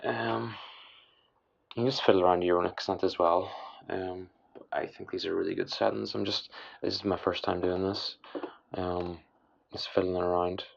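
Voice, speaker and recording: A man giving a casual, unscripted software tutorial in a tired, hoarse voice with a breathy rasp, halting and mumbling as he goes. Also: sits low, level tone, a little hiss or hum. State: hoarse, worn-out late-night voice. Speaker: music production tutorial host. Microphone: voice-over on screen recording. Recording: dull, lo-fi voice-over.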